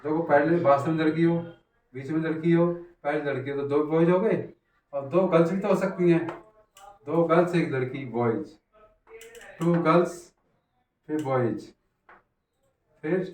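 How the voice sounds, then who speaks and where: Echoey, higher-voiced male math teacher. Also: unhurried, pauses often, darkish tone. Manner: repetitive, coaxing teacher talk, checking students follow. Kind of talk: classroom lesson. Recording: echoey room, voice from far off.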